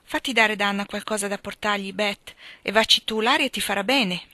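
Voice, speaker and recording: A woman's voice: medium pitch, brisk, pushed and bright, no echo, lightly acted. A woman reading as impulsive teenage Jo. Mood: breezy. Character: impulsive warm-hearted teenage girl.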